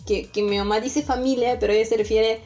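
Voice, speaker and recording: A woman from Russia, a native Russian speaker, chatting as a podcast guest and telling lively stories with frequent laughs. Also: a little high, a little fast, soft background music. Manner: lively storytelling, laughs often. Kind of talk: casual chat.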